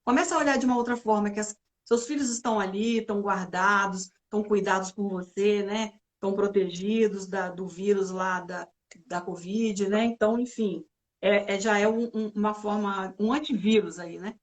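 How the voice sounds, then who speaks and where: A woman psychologist talking through emotional health in a relaxed church conversation, explaining step by step with frequent tag questions. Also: mid-range voice, normal speed. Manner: explanatory, many filler "né"s, acts out complaints.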